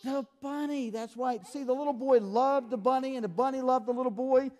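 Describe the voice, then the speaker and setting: A man with a very high, warm voice speaks a little fast while running a children's magic show. Before a live audience in an echoey church hall, he pretends to be surprised and trades call-and-response questions with the kids.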